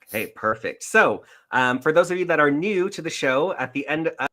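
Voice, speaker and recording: A man co-hosting a live show who leads a guided energy-healing meditation, calm and gently instructive. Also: on the high side, moderate pace. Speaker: co-host and energy healer.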